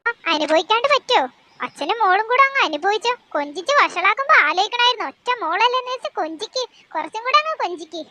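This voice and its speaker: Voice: extremely high pitch, big pitch swings, fast, pushed and bright, a little hiss or hum, exaggerated voice. A young woman voicing a worried, exasperated middle-aged mother who nags her husband. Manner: fretful, exasperated, scolding.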